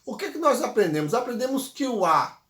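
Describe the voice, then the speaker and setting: A man teaching a grammar lesson, patiently repeating words slowly so the viewer can say them back. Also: extremely high pitch, sing-song, a bit bright, reverberant. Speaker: Tupi language teacher.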